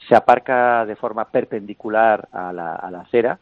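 Low-voiced Spanish man over a phone line. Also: normal speed, no echo. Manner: explanatory, many fillers and restarts, chuckles now and then. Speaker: interview guest explaining a vehicle. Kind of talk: phone-in radio interview. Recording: dry tinny phone line.

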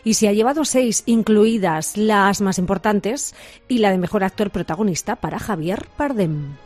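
A woman hosting a weekend radio show, lively with small hesitations. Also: mid-range voice, normal speed, soft background music. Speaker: radio host.

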